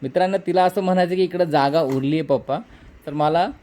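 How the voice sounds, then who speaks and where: In a casual home video, a father in his thirties who hosts a vlog gently and playfully questions his small daughter. His voice is a little high and fairly quick.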